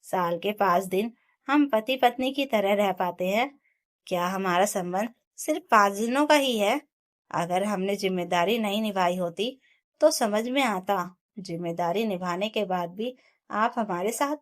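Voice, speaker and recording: A woman's voice: mid-range voice, a little slow, close to an everyday voice. A woman voicing a young husband who speaks firmly and earnestly to his mother in a storybook reading. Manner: firm, earnest. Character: young husband, firm and resolute.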